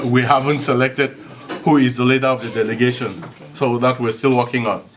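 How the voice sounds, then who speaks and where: A man introduces himself as a delegate at a meeting, relaxed and slightly amused. His voice sits mid-range, with a faint hiss behind it. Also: medium pitch, moderate pace. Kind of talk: formal self-introduction.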